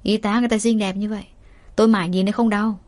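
A woman's voice: mid-range voice, fairly even intonation, fast, a little mellow, natural voice. Woman reading a cocky teasing young man. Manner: flippant, joking.

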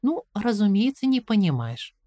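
A woman's voice: mid-range voice, big pitch swings, moderate pace, warm tone, dry recording, studio quality, pitched above the performer's own voice, lightly acted. Coraline, as a woman narrator puts her on. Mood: defiant. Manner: indignant, questioning, defiant. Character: Coraline, clever stubborn young girl.

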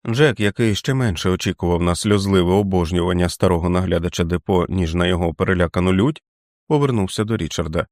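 Man, audiobook narrator, very low voice, measured expressive reading, dry close studio mic. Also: dry recording.

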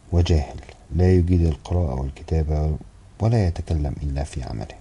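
A man reading the lines of a young female student in an audiobook, soft and measured with a sighing manner. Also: very deep voice, slight background noise. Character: young woman student, quietly resigned.

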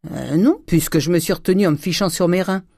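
A sturdy old servant woman with blunt country speech, as a reader puts her on. The voice is pitched up and louder than the narration, with a dark, mellow tone and no room sound. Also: fast, no echo, studio quality, natural voice. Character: rough loyal old female servant.

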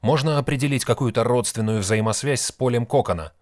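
A man's voice: medium pitch, fairly quick, dry recording, studio quality, close to an everyday voice. A man reading an audiobook, voicing a curious, wry male space explorer.

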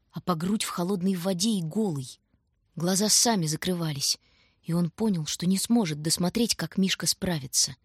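A woman narrating a children's storybook in a calm, even reading voice, close to the mic. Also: lowish voice, slightly rough, dry recording. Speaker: audiobook narrator.

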